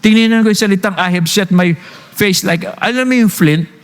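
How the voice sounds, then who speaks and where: A Filipino-accented male pastor delivers a sermon, shifting between Tagalog and English as he tells stories. His voice sits high, and he drags out key words to stress them. The long reverb of a church hall trails after each phrase. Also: smooth. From Philippines. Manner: storytelling preacher switching between Tagalog and English, slowing to stress points.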